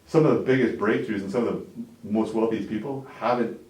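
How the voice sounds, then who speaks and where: A very deep-voiced Canadian man in his forties, a business owner appearing as an interview guest, talks loosely and briskly in a slightly mellow tone. He rambles, keeps checking in with "right?" and "like," and sounds distant from the mic in an echoey room.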